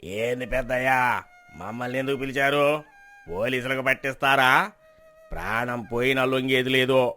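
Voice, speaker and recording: An actor playing a hardened, defiant bandit leader who answers in gruff retorts. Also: male voice, medium pitch, fairly even intonation, normal speed, pauses often, pushed and bright, faint music behind, lightly acted. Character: hardened male bandit chief, defiant and bitter. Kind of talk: storybook drama acting.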